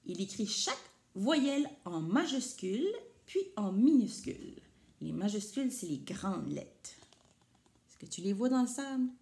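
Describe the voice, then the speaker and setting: Lively woman reading a children's story. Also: medium pitch, unhurried. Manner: lively, addresses children with questions. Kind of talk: storybook read-aloud.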